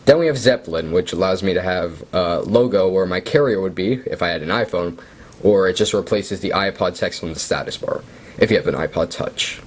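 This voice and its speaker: A young man with a lowish, somewhat breathy voice talks casually through a device tour. He sounds relaxed and chatty, dropping self-deprecating asides. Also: brisk. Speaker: tech video creator. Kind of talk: casual screen-recorded walkthrough.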